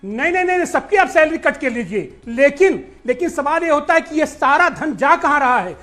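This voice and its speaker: A man's voice: very high voice, lively intonation, fairly quick, bright, forceful tone, faint music behind. A man speaking as an opposition politician in a heated TV news debate, insistent and repeating himself as he talks over the anchor on a remote link.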